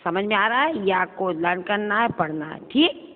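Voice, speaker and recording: A woman's voice: medium pitch, animated, normal speed. A woman teacher leads a grammar lesson, reading words in pairs, wrong then right, and asking the class whether they follow. The sound is thin and phone-like, with a long hall reverb and faint noise behind her. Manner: drills word pairs, wrong then right, with questions to students. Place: school classroom.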